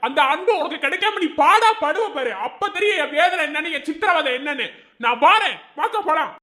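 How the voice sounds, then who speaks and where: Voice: extremely high pitch, animated, brisk, sharp tone, full character voice. A performer voicing a grieving, bitter young village man in a cartoon, with a Madurai Tamil accent. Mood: bitter, vowing. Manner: wounded, vowing, bitter.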